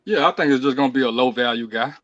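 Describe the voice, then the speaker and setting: A man's voice: medium pitch, quick pace, fairly bright tone. A man chiming in during a casual chat, his voice muffled and distant as if heard through a wall. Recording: muffled lo-fi line with noise.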